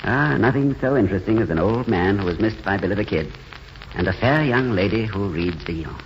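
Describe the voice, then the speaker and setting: In 1940s radio drama acting, a man plays a gentle, world-weary failed writer and drifter who wryly mocks himself, in a pensive mood. He speaks courteously and hesitantly yet animatedly and a little fast, with pitch swinging widely. The sound is muffled, with faint noise from the old broadcast.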